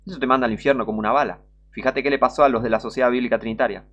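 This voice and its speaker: A man's voice: medium pitch, fairly even intonation, rapid-fire, a bit bright, highs cut off. Emphatic scolding Rioplatense preacher man. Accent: Rioplatense Spanish. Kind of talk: online sermon.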